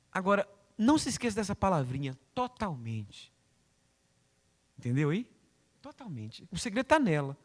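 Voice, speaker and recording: A man preaching a sermon, acting out prayers and God's replies and calling on listeners by name. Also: high voice. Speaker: pastor. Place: church hall. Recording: long reverb of a church hall.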